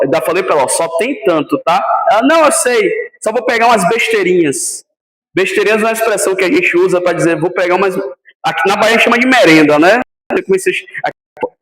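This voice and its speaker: A man, a pastor from Brazil's Northeast, preaches with a strikingly high voice. He climbs into shouted peaks, then drops to a low, intimate storytelling tone. The church hall around him rings with echo. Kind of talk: sermon.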